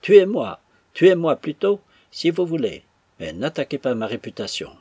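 A man's voice: medium pitch, big pitch swings, moderate pace, creaky, breathy edge, no room sound, exaggerated voice. A man doing a whiny young servant. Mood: whining, indignant. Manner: whining, tearful protest. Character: whiny young male servant, touchy, self-pitying.

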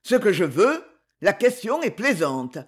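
Raspy male knight, proud and vehement, storybook reading, voiced by the narrator, lively pitch. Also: a little slow. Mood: stern. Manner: solemn, grave, vehement. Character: proud adventurer knight, fierce and wounded in honor.

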